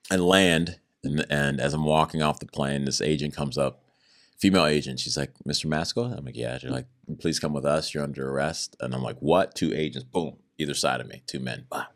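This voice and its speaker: A man with a very deep, low-pitched voice tells his story as an interview guest. He talks in an animated, conversational way, acting out the back-and-forth he recounts and breaking into a laugh now and then. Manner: animated, acts out quoted exchanges, laughs between points.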